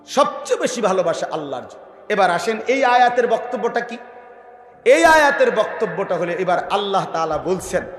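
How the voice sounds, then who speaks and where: A man preaching a sermon, impassioned, rising to shouts and questioning the crowd. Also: high-pitched. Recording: echoey hall with long reverb.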